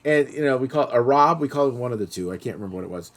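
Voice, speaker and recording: A middle-aged podcast host races through his stories in a medium-pitched voice. Keeping things casual and chatty, he acts out the voices of everyone he quotes with lots of animation.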